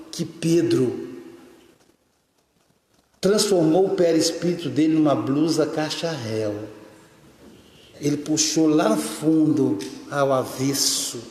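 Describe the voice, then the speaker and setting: A man, giving a live lecture-sermon, telling stories and asking the audience questions. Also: on the high side. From Minas Gerais, Brazil. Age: 50s. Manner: storytelling, animated, asks the audience questions. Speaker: spiritist lecturer. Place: lecture hall. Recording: echoey hall, long reverb.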